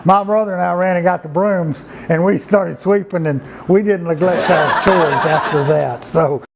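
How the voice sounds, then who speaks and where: A man, telling family anecdotes in an unhurried, halting way with many pauses and restarts. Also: high voice, fairly even intonation, gravelly, very noisy. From Georgia, USA. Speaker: storyteller and writer. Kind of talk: folksy anecdotal storytelling.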